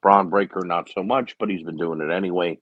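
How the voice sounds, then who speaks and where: A man's voice: sits low, fairly even intonation, fairly quick, fairly bright tone, no echo, muffled recording. A man giving a casual, rambling solo recap of a wrestling show, full of opinions and filler words.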